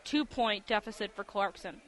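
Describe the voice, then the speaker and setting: Calling the basketball game live for radio, this man speaks at normal speed in a high-pitched, fairly bright voice. His play-by-play comes in clipped, colorful descriptions. Behind him, the broadcast carries gym noise, the game's ambience and a ball bouncing.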